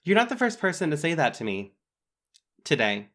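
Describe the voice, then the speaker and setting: A woman's voice: deep voice, very animated, moderate pace, a bit bright, exaggerated voice. A woman playing a sarcastic, suspicious heroine. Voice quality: dry, sarcastic. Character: cool, suspicious woman superhero, passive-aggressive. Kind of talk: audio drama acting.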